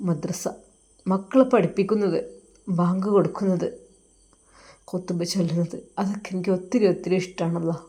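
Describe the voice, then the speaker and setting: A woman's voice: mid-range voice, natural voice. Woman voicing a heartbroken young cleric. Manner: sorrowful, halting, soft-spoken.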